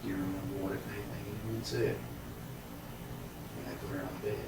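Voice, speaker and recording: A man's voice: low voice, level tone, fast. A man questioning someone as a police interrogator, methodical and probing, repeating answers back. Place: echoey interrogation room, far mic. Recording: echoey room, distant mic, heavy noise.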